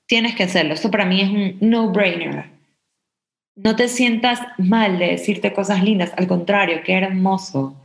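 A woman's voice: medium pitch, unhurried, vocal fry. Earnest woman podcaster in an echoey room. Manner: earnest, encouraging, addresses listeners directly. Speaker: podcast host. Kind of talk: motivational podcast monologue.

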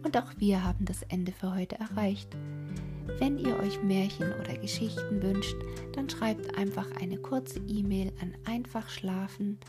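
A woman hosting a sleep podcast, reading a fairy tale aloud in a soft, soothing whisper. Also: mid-range voice, a little slow, over loud music. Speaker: sleep podcast host and narrator. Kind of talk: whispered bedtime story reading.

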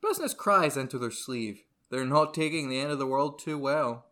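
Male narrator for scripted comedy: animated, bright, theatrical. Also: medium pitch, moderate pace. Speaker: narrator reading stage directions.

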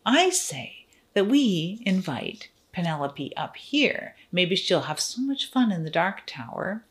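A sly male demon hatching a plan, put on by a woman telling a story. He talks low and conspiratorially, slipping into whispers. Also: sing-song, slow pace. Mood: scheming. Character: scheming male game-master demon, sly plotter.

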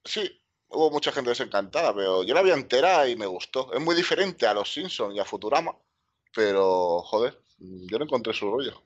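A man's voice: medium pitch, sing-song, normal speed. A man from in a casual podcast chat, enthusiastic and a bit rambling. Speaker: podcast guest. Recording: dull, slightly lo-fi mic.

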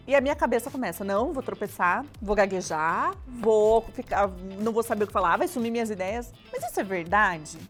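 A woman co-hosting a casual chat, animated, laughing often and talking straight to the listeners. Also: medium pitch, brisk, hardly any pauses, faint music behind. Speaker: co-host.

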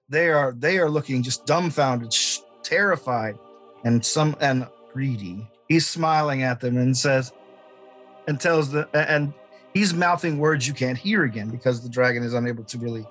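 A man acting as game master, improvising narration for a tabletop game in a halting way. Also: mid-range voice, fairly bright tone, soft background music.

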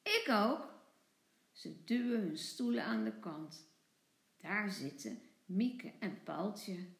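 A woman teacher reading a children's storybook aloud in an expressive, sing-song way. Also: medium pitch, takes it slowly, vocal fry, roomy sound.

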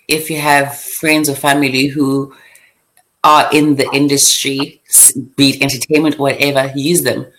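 A young South African woman with a low voice chats as a guest in a relaxed, casual podcast. She's lively, laughs easily, and often restarts her sentences in quick bursts, and the recording is rough.

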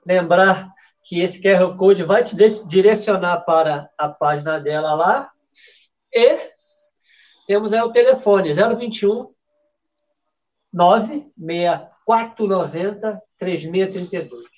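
High-pitched and taking it slowly, this football betting show host chats casually on a live show, often restarting sentences and using fillers. The sound is lo-fi.

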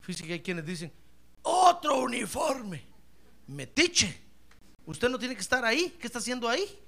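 A male pastor delivering a sermon in a tense, piercing voice, and his pitch leaps all over the place. He drops to quiet, confiding asides and then bursts into shouted praise, always speaking straight to his listeners. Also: gravelly. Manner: preaching with direct address, swinging from quiet asides to shouted praise.

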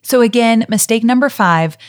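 This solo podcast host, a middle-aged woman, teaches while talking right to her listeners with friendly encouragement and warmth. She speaks at a moderate pace in a voice on the high side.

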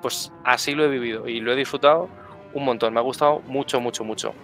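A man's voice: mid-range voice, steady tone, fast, fairly bright tone, faint music behind. A man, a tabletop game player giving effusive feedback in casual chat, repeating words for emphasis.

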